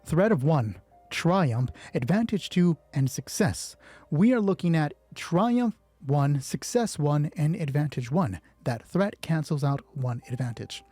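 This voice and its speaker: Hosting a solo roleplay game, this game master switches between hushed, terse narration of the scripted story and casual, profane commentary as he thinks aloud through play. His pitch is fairly high with lively intonation, a little slow, in a dark tone. The recording is dry, with music behind him.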